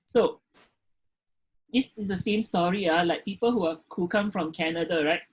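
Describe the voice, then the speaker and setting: A man's voice: high voice, moderate pace, a little hiss or hum, poor audio. A man teaching a class over a video call, filling his speech with "okay" and putting questions to his students. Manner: frequent "okay" fillers, questions students directly. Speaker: lecturer. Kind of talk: online class lecture.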